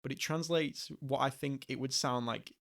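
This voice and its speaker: A man's voice: mid-range voice, fairly even intonation, moderate pace, a bit bright. A young man hosting a podcast, chatting casually, laughing often and rambling through asides. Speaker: podcast host.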